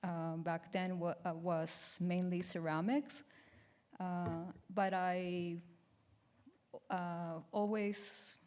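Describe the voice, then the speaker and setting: A woman in her fifties from Colombia, lecturing slowly and hesitantly with frequent ums and restarts. Her voice sits a little low. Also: level tone, darkish tone. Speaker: guest artist giving a lecture. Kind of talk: public lecture with slides.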